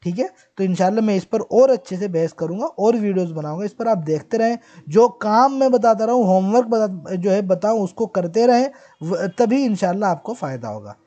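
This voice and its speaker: Male online tutor, mellow and warm in tone, patient and methodical, pausing to check students are following. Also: sits high, animated, lo-fi sound. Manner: patient explaining, checks in with "theek hai". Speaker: Arabic grammar teacher. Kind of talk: recorded online lesson.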